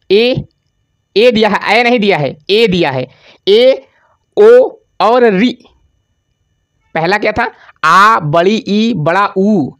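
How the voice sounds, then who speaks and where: A grammar teacher giving an exam-prep lesson over slides, asking the class questions and answering them, stretching out syllables on examples and repeating key words. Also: medium pitch. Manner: casual, addresses students as "bhaiya".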